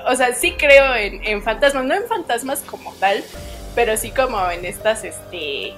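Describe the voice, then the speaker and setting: A woman's voice: a little high, animated, a little slow, a bit bright, soft background music. A Mexican woman co-hosting a casual chat, telling stories playfully and laughing often. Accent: Mexican Spanish.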